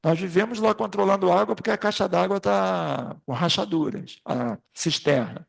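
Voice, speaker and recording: A man's voice: high voice, normal speed, vocal fry. A man leading an informal spiritist study class, rambling through anecdotes and speaking straight to the group. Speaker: class facilitator.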